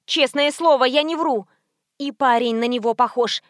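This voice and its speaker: A woman voicing a chatty, frightened young female shop assistant in an audiobook, talking in a high, eager flutter. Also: normal speed, no room sound, studio quality, natural voice. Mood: excited confiding. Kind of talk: audiobook reading.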